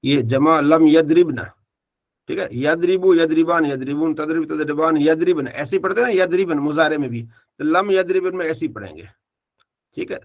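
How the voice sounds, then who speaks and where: A man with a slightly raised pitch teaches an online grammar class. He works through verb forms one by one and asks questions before he answers them. The recording is dull and lo-fi. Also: normal speed. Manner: drills students by asking and answering his own questions, repeats forms.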